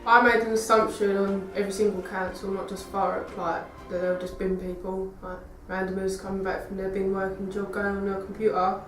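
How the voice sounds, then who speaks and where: She's a nineteen-year-old youth work apprentice responding to interview questions in a casual way, leaning heavily on "like" and other fillers. Her voice is medium-pitched, level and a bit bright, fairly quick with few pauses, captured in a roomy space by a far-off mic with faint music behind.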